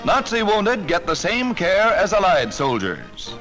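A man's voice: sits high, wildly swooping pitch, a little slow, low-quality recording. Rousing old newsreel announcer, man. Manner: rousing, emphatic announcer delivery. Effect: old newsreel sound. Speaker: newsreel narrator. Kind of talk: 1940s newsreel narration. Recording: narration over loud orchestral music.

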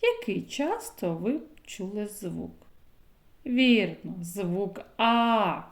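Slow sing-song woman teacher. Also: mid-range voice, very animated. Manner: slow, sing-song, drawn-out vowels for small children. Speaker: preschool teacher. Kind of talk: children's phonics lesson.

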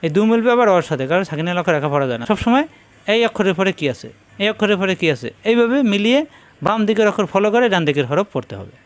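A man teaching Quran reading, spelling Arabic words out syllable by syllable and slowly repeating each sound with patient drilling. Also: sits high, animated, dry recording.

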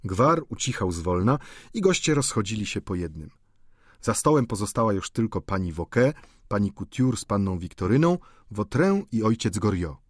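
A man reading a classic novel aloud as scripted audiobook narration, expressive and measured. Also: on the low side, breathy edge, dry recording, studio quality. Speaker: audiobook reader.

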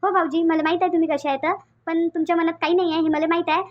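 Cartoon sister-in-law: high, fast, coaxing voice, Varhadi accent. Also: female voice, level tone, muffled recording. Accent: Vidarbha Marathi (Varhadi). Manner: coaxing, worried. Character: caring, anxious elder sister-in-law. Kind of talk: cartoon voice acting.

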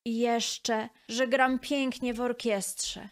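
A woman's voice: on the high side, level tone, takes it slowly. A woman voicing a small, earnest village boy who longs to join the fire brigade, speaking in a dreamy, heartfelt way.

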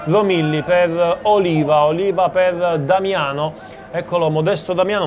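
A man giving live play-by-play commentary on a football match. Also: on the high side. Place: outdoor stadium commentary position. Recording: noisy live stadium sound.

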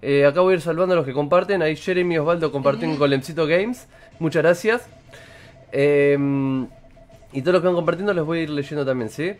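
A man in his thirties with an Argentine Spanish accent chats casually on a live game stream, greeting his viewers from an indoor room lit in purple. His voice is a little high and a little fast.

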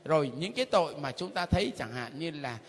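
A man's fairly high, husky voice rings through a hall with a long echo as he teaches like a priest. He is middle-aged and emphatic, hammering phrases again and again and chuckling between points. His pitch swings widely from line to line. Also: big pitch swings, fairly quick, a bit bright. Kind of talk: informal catechism teaching.

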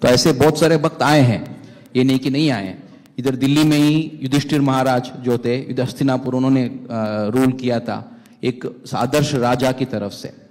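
Halting man on a reverberant stage. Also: medium pitch, darkish tone. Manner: halting, many restarts, mixes English words. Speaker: panel guest, temple vice-president. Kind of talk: spiritual talk on a TV panel. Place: large stage hall with audience. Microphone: handheld mic. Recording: long hall reverb.

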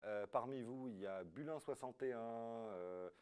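A man's voice: mid-range voice, a little slow, a little mellow, clear, resonant tone. A man hosting a live quiz show, reading questions and scores with playful joking asides.

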